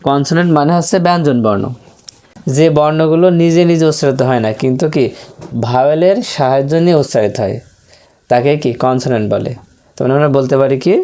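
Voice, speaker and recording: Male teacher, mellow voice, patient drilling lesson, keeps repeating letters for the class. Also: on the high side. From Bangladesh. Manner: asks rhetorical questions, drills pronunciation by repetition. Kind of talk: grammar lesson for beginners.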